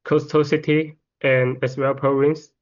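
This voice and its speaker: A man's voice: mid-range voice, little pitch movement, measured pace, highs cut off. Hesitant young Chinese man at exam. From China. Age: 20s. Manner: hesitant, many "uh" fillers and repeats. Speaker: test candidate. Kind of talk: mock exam answers.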